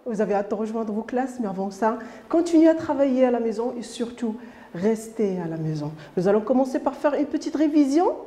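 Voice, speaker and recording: A woman teaching a phonics lesson to young children, speaking slowly and clearly and encouraging them often. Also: fairly high pitch, lively intonation, dark tone. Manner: encouraging, slow and clearly articulated. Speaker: primary school teacher.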